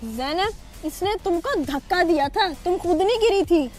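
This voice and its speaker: A woman playing a stern protective elder sister, very high. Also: lively intonation, normal speed, a little mellow. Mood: scolding. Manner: caring but stern. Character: protective elder sister who scolds the cheater. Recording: music behind.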